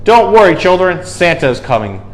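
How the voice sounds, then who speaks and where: A man's voice: sits high, big pitch swings, a little fast, rough recording. A man voicing a jolly, blustering old Santa in a storybook, hearty and exclamatory. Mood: cheerful, reassuring.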